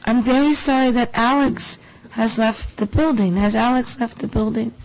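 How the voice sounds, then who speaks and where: A woman on a town board, hoarse with her voice almost gone, giving teasing, good-humored remarks about colleagues at a meeting. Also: a little high, normal speed, a little mellow, highs cut off.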